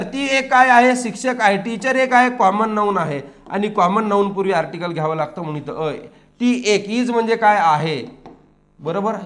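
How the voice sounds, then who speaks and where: A man teaching English grammar in a lively classroom style, asking questions and answering them himself, slowing down to read example sentences. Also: high-pitched. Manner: lively, asks and answers his own questions.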